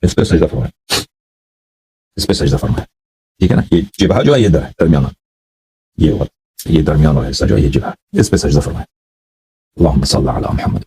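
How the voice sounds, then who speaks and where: A man teaching as a religious scholar, slowly reciting Arabic text and explaining it in with repeated checks on his listeners. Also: very deep voice, animated, mellow, slight background noise. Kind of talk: explaining an Arabic hadith text line by line in Urdu.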